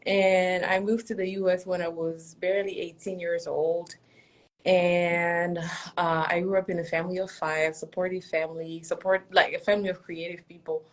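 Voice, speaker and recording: Brief: young woman from Congo, native French speaker, fairly low voice, chatty guest with easy laughs, on a video call. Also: little pitch movement, moderate pace. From Democratic Republic of Congo. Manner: chatty, laughs often, many fillers like "like". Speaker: fashion designer guest. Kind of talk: casual interview over a live stream.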